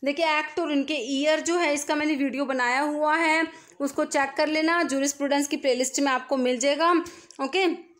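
Woman tutor, high voice, steady MCQ explainer. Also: moderate pace. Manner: explains each answer and repeats key terms. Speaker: pharmacy exam tutor. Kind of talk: screen-recorded MCQ lesson. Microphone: voice-over on screen recording.

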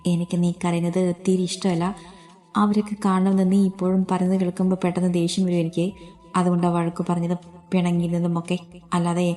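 A loving young husband, gently teasing and comforting his wife, as a woman reads him out. The voice is mellow and warm, with a flat, even line. It comes from a spoken storybook. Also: on the low side, natural voice.

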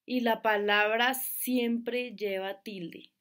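Slow, patient woman teacher. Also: a little high, fairly even intonation, fairly bright tone. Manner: slow, patient, repeats words and asks "¿listo?". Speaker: schoolteacher. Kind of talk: classroom lesson.

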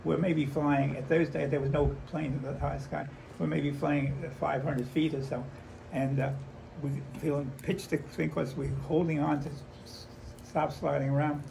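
A very old American man with a gravelly, fairly high voice. He is a veteran remembering his younger days, telling stories haltingly and voicing the people in them. The recording is a slightly noisy handheld one made at home. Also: little pitch movement, dark tone. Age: 90s. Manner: halting, repeating himself, acting out remembered dialogue. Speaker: war veteran interviewee. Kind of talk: old veteran reminiscing, conversational storytelling.

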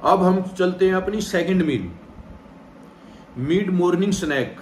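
A man in his thirties, a gym trainer, calmly talking viewers through a vegetarian meal plan from a sofa at home, checking in with them often. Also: sits high, unhurried, slight background noise. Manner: direct, repeats "theek hai" to check in with viewers. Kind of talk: casual instructional vlog. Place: indoor room, seated on a sofa. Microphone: far camera, no visible mic. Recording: echoey room, mic set back.

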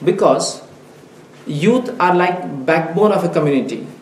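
Speaking into a headset mic in a mosque meeting room, an earnest Urdu-speaking man delivers a religious lecture with care and deliberation. His slightly high voice is animated, and the echoey recording carries faint hiss.

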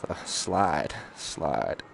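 Speaking very slowly with an extremely low, creaky voice and big swings in pitch, this male gaming streamer mutters and exclaims through casual live commentary. His humor is jokey and self-deprecating, and game ambience adds noticeable background noise.

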